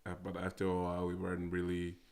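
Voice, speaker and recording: A man in his twenties from Austria, a guest in a casual interview, talking in a halting way with many fillers and restarts. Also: sits low, monotone, vocal fry, darkish tone. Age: 20s. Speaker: guest, American football player.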